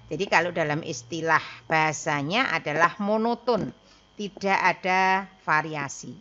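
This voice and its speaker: A woman's voice: sits low, a little slow, sharp tone. A woman teacher from Indonesia explaining speech writing to her pupils step by step, calling them children. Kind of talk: classroom lesson recording. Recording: dull lo-fi recording.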